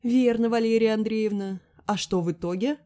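A woman reading an audiobook, voicing a sharp-tongued young woman friend who scolds and mocks loudly. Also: on the low side, brisk, close to an everyday voice. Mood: scolding. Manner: loud, scolding, sarcastic. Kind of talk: audiobook character voice.

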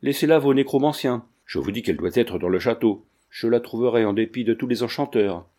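A man's voice: mid-range voice, a little fast, warm tone, lightly acted. A man voicing a wrathful, tyrannical prince who speaks in a commanding, contemptuous way.

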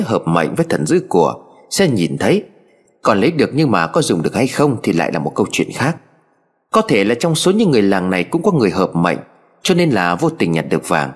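A man's voice: mid-range voice, slightly rough. A man voicing a worried middle-aged village husband who explains things hesitantly and uneasily.

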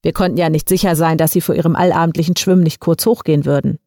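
A woman voicing a suave, polite man who calmly threatens his victim, in an audiobook short story. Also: low voice, no room sound, clean studio sound. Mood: calm menace. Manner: smooth, unhurried, quietly threatening. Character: suave menacing male blackmailer, calm and polite. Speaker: audiobook reader.

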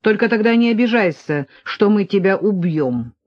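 A woman voicing a gruff, mocking male prison guard in an audiobook. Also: medium pitch, expressive, moderate pace, no room sound, highs cut off, lightly acted. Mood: threatening. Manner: gruff, grumbling, sarcastic. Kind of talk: audiobook reading.

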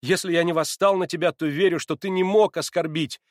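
A man's voice: on the high side, fairly even intonation, brisk, no room sound, studio quality, pitched above the performer's own voice, natural voice. A man voicing an earnest pleading young man. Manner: eager, pleading. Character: earnest impulsive young man, the prince's son.

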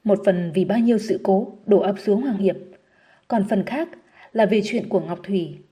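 A woman narrating a novel audiobook in a steady, measured reading style. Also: mid-range voice.

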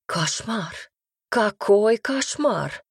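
A woman's voice: mid-range voice, expressive, very slow, husky, no room sound, clean studio sound, heavily acted. A woman voicing a pushy, emphatic middle-aged duchess in an audiobook, drawing out her words. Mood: alarmed. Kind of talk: audiobook character reading.

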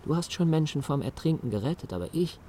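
Radio play: sullen, wary young man, quiet delivery. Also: a little high, big pitch swings, quick pace, a little hiss or hum. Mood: subdued. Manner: quiet and subdued. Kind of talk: radio drama acting.

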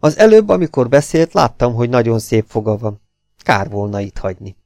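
A man reading aloud, voicing a coolly menacing gangster who speaks with smooth, mocking courtesy. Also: medium pitch, big pitch swings, a little mellow, no echo, clean studio sound. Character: mock-polite adult male gangster, cool and menacing.

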